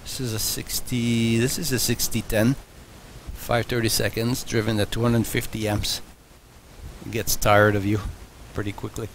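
A man's voice: on the low side, level tone, normal speed, a little hiss or hum. Hesitant man explaining in his workshop. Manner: hesitant, many fillers and restarts; matter-of-fact, thinking aloud. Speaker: welding channel host. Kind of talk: casual workshop demonstration. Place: home garage workshop.

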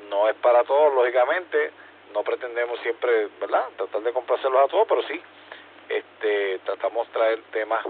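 A man with a Puerto Rican accent talking casually and haltingly as co-host of an amateur radio net, with a clipped, cockpit-headset radio sound. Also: mid-range voice. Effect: two-way radio transmission. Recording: narrowband radio link with hum, faint noise. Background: hum and radio noise.

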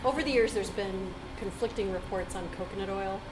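A woman's voice: mid-range voice, brisk. A woman in the audience asks a light, chatty question. She sounds as if she is in an echoey room surrounded by a crowd. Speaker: audience member asking a question.

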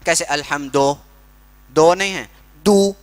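A slightly high-voiced man runs a workshop on reciting the Quran. He patiently explains pronunciation through everyday comparisons and slow, drawn-out demonstrations.

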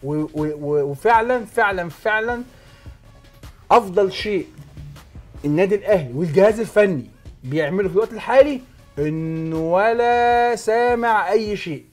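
Brief: male Egyptian sports host, somewhat high voice, emphatic explainer, faint music underneath. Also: lively intonation, normal speed, darkish tone. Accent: Egyptian Arabic. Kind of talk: sports talk show discussion.

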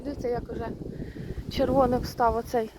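Here the homestead vlogger's voice sits a little high, level in tone and brisk. Strolling outdoors through her yard and garden in Ukraine, the young woman talks casually to her audience and shouts at her birds over a noisy backdrop of honking geese and gobbling turkeys.

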